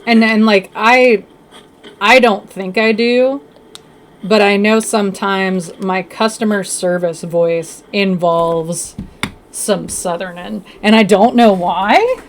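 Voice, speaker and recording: A woman's voice: mid-range voice, takes it slowly, a little hiss or hum. A young woman with an Ohio accent, chatting in a laid-back way on a game stream, with plenty of hesitant fillers. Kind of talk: casual chat while gaming.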